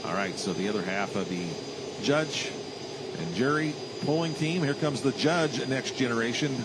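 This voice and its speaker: Guy doing tractor pull announcing, repeats names n distances, mid pitch, really loud engines behind him. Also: expressive, normal speed. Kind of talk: live motorsport announcing, calling distances and running order. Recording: loud engine and vehicle noise. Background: roaring vehicles at an outdoor track.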